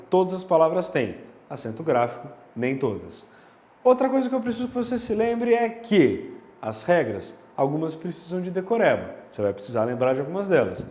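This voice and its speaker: Animated teacher man in an echoey room. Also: high-pitched. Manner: animated, checks in with rhetorical questions. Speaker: grammar teacher. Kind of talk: video grammar lesson. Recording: roomy with a long reverb tail.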